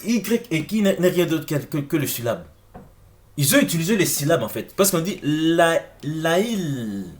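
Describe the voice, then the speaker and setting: A man giving an informal explanatory video talk, addressing viewers directly with questions and often repeating words as he searches for them. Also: a little high. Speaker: presenter of an online video lecture. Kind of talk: informal explanatory talk over on-screen text.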